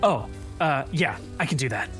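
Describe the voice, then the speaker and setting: A man's voice: mid-range voice, lively intonation, moderate pace, a bit bright, faint music behind, pitched below the performer's own voice, lightly acted. Man playing a hapless, unconvincing male fighter. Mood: sheepish. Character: hapless male fighter, a bad actor faking defeat.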